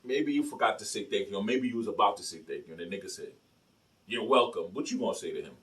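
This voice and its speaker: A man's voice: fairly low pitch, very animated, rapid-fire, recorded from a distance, poor audio. A man co-hosting a podcast in casual chat, blunt and profane, asking pointed questions. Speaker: podcast co-host.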